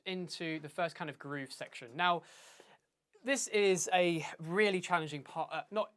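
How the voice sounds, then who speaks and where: A man teaching drums in a live stream, talking casually, sounding out beats with syllables, often pausing and correcting himself. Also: a little high, fairly bright tone, smooth. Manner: casual, vocalizes drum patterns with syllables; hesitant, many fillers and self-corrections. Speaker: drum teacher. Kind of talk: live-streamed drum lesson.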